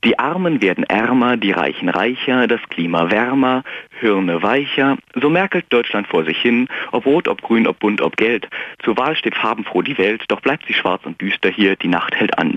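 Brief: male radio caller, poetry recital, dry husky voice, muffled phone sound. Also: lowish voice, no room sound. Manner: hesitant with fillers in talk, rhythmic in verse. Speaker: caller reciting his poems. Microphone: telephone. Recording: dull phone-line sound.

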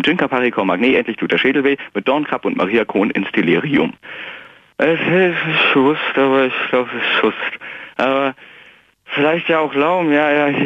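Husky male caller reciting rhyming verse. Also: medium pitch, dry recording. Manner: hesitant with fillers in talk, rhythmic in verse. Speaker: caller reciting his poems. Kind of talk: rhythmic poetry recital on call-in radio. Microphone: telephone. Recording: dull phone-line sound.

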